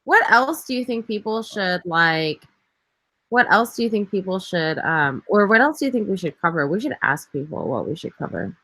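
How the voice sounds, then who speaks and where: Woman co-host, animated pitch, playful and teasing, dry close call mic. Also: moderate pace, no room sound, rough recording. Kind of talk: casual chat. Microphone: video call mic.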